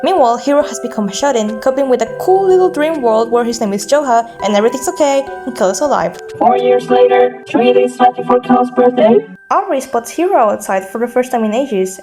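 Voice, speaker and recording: A woman's voice: a little high, lively intonation, quick pace, few pauses, rough recording. Wry, offhand woman telling a story. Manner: wry, offhand joking delivery. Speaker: fan storyteller. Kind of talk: casual recorded narration. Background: soft game soundtrack music.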